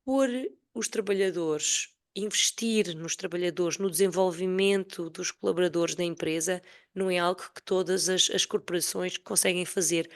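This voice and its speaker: A woman in her forties with a European Portuguese accent speaks as an interview guest. Her voice sits slightly low and carries the effects of a flu she is getting over, as she tells personal stories in a casual way. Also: steady tone, moderate pace. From Portugal, Sintra area near Lisbon. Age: 40s. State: voice affected by a cold, recovering from flu. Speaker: podcast guest, retired corporate finance executive.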